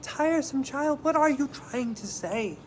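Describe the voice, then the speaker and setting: A man's voice: very high voice, animated, unhurried, slight background noise, pitched above the performer's own voice. Man doing a stern, impatient storybook mother. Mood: scolding. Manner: scolding, formal old-fashioned wording. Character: stern, impatient, honorable mother of young boys.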